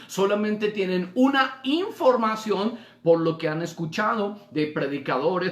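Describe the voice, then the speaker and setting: A man, a pastor, preaching a sermon, asking rhetorical questions and moving between loud emphasis and soft, low lines. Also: roomy sound.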